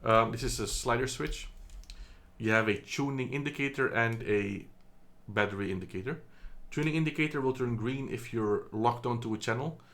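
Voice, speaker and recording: Recorded indoors through a phone camera, this man from the Netherlands talks at a moderate pace in a medium-pitched, fairly bright voice. His casual product review is chatty and halting, with lots of ums and corrections of himself.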